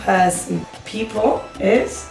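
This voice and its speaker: A woman's voice: mid-range voice, extremely slow, creaky, a little mellow, roomy sound, soft background music. A woman, explaining English mistakes in a casual co-hosted lesson, teasing her partner. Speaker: co-host teaching English.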